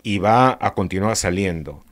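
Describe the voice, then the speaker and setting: A man, a guest on a political talk show, speaking in a measured way with frequent filler pauses. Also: sits low, expressive.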